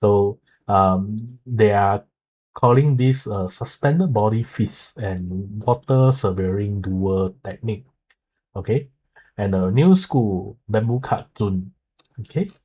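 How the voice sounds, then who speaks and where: A man with a fairly low, husky voice talks through a game preview casually. His delivery is halting and explanatory, with a soft, mellow tone and frequent little connecting words. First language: not Mandarin; speaks it haltingly. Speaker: streamer and video creator explaining a game. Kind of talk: casual live commentary translating an article.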